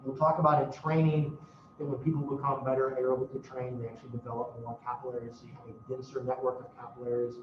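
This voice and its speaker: A man's voice: medium pitch, flat delivery, fast, a little hiss or hum. A man lecturing a university class in a casual, self-mocking way, swearing now and then. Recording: roomy, distant, dull classroom recording.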